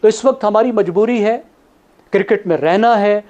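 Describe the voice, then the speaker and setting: Measured analyst man. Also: high voice, a little mellow, highs cut off. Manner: measured, lists points in order. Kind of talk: studio analysis.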